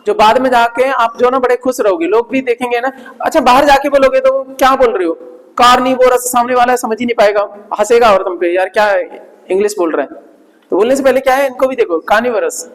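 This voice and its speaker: This low-quality recording, marked by a long reverb tail, captures a very high-voiced man teaching English vocabulary in Hindi. He runs pronunciation drills and asks the class to repeat, adding playful jokes and frequent tag questions.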